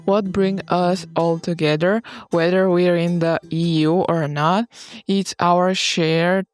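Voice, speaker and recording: A young woman from Bulgaria, reading a scripted statement slowly and deliberately. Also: on the low side, little pitch movement, clean tone, dry recording.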